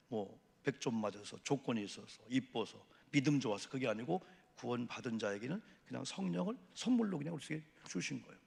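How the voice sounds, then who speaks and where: A male pastor with a gravelly, husky voice delivers a Bible-study sermon, spinning anecdotes with an easy storyteller's pace. His voice rings out with a long reverb across a church sanctuary. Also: mid-range voice. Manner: lively anecdotal storytelling, drops to hushed asides.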